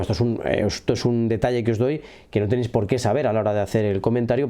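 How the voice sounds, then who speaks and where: A man teaching a literature lesson, explaining rhyme and verse step by step, often stopping to check that his listeners follow. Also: medium pitch. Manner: lively, keeps checking in with listeners. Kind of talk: classroom lesson explaining a poem.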